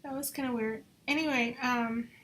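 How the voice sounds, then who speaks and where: A woman's voice: on the high side, fairly even intonation, normal speed, fairly bright tone. A woman talking through her design work on a screen recording, chatty and muttering to herself as she goes, slipping in Spanish phrases now and then. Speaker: job applicant.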